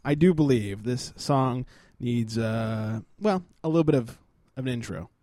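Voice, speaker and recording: A man's voice: medium pitch, measured pace, background noise. A man hosting a podcast, telling a story in loose, jokey, profane casual chat.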